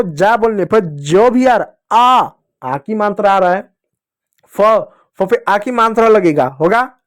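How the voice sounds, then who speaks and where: A male teacher giving a reading lesson to young children, patiently repeating each sound, asking questions and answering them himself, and calling his listeners dear children. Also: high voice. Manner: addresses children fondly as dear kids.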